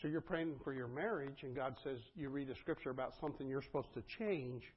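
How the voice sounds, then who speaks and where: A man's voice: mid-range voice, brisk, lo-fi sound, a little hiss or hum. A man preaching a sermon as pastor, earnest and conversational, often turning to the congregation with asides.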